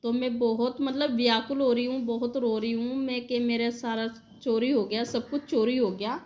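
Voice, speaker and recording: A woman with a high voice tells a devotional dream in an earnest, rambling way. Her delivery is heartfelt and casual, and she speaks straight to her listeners. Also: steady tone, moderate pace, darkish tone, slight background noise. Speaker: devotional storyteller. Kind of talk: retelling a dream in casual speech.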